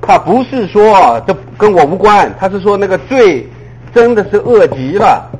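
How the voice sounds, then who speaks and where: A male preacher delivers a sermon in a high, husky voice. He talks in a lively way, keeps asking his listeners rhetorical questions and laughs lightly at his own examples. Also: normal speed, rough recording. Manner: chuckles at his own points.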